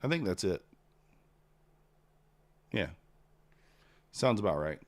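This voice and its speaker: Speaking slowly in a fairly low voice, the host of a live trading stream rambles in a laid-back, casual way. He reads comments from the chat out loud and answers them.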